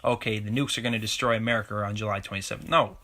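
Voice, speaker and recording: A man's voice: fairly low pitch, fairly even intonation, rapid-fire, pushed and bright. A man giving bible commentary on a video blog, reading scripture aloud emphatically and often checking in with "okay?". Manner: keeps asking "okay?" and says "man". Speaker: religious video blogger.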